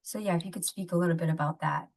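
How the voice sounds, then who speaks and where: Woman host from somalia, lowish voice, rambles and searches for words, lots of likes. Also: steady tone, rapid-fire, creaky, a little mellow. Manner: rambling, searching, heavy use of "like" and "you know". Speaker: podcast host. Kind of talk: conversational interview.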